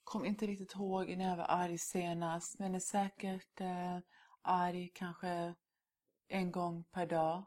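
Low-voiced woman speaking emphatically. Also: level tone, a little mellow. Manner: emphatic, drops in English words. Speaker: interviewee. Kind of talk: candid conversational interview.

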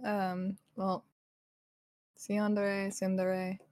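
A woman's voice: medium pitch, completely flat delivery, extremely slow, a little mellow. A woman chatting on a live stream from her home desk, giggly and often trailing off and restarting. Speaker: streamer guest. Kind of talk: casual live-stream chat.

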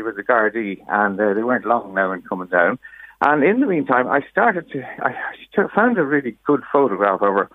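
A man's voice: mid-range voice, no echo. An Irish man in his sixties telling a casual anecdote in a chatty, folksy way as a radio guest. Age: 60s. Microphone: phone call. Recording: narrow-band phone line on radio.

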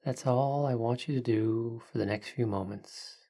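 A podcast host leading a guided meditation in a calm, soothing manner, leaving long pauses between short phrases. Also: medium pitch, breathy edge.

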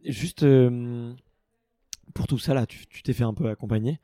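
A man's voice: medium pitch, a little slow, warm tone, no room sound, clean studio sound. A man hosting a casual interview, reacting with easy, encouraging remarks and asking questions. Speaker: interview host. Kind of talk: conversational interview.

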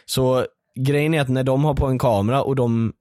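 A man's voice: medium pitch, steady tone, dark tone, no room sound, studio quality. A young man on a casual podcast, talking in a laid-back way and filling his sentences with little filler words. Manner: laid-back, leans on fillers like "liksom" and "så här". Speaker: podcast co-host.

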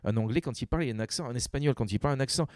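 A man's voice: mid-range voice, racing, a little mellow, no echo, clean studio sound. A man in casual podcast conversation, talking emphatically in long run-on stretches full of restarts. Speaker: radio humor station programmer.

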